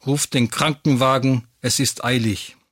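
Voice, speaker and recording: A flustered village road worker blurts out his lines in a hurry, as a man reads him aloud in a story. The voice is mid-pitched and dry, recorded up close. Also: measured pace, slightly rough, no room sound. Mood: urgent. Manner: excited, urgent.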